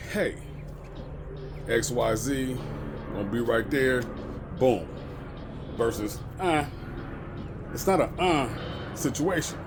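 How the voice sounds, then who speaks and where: A middle-aged man telling a profane story about work in a casual vlog rant. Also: medium pitch. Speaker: bus driver.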